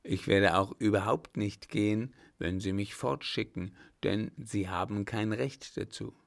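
A man reading a German story aloud, voicing a calm, polite hunchbacked scholar who answers in a cool, measured way. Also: on the low side, gravelly.

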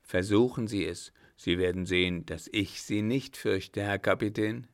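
A man reading a German story aloud, voicing a calm, polite hunchbacked scholar who answers in a cool, measured way. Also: lowish voice.

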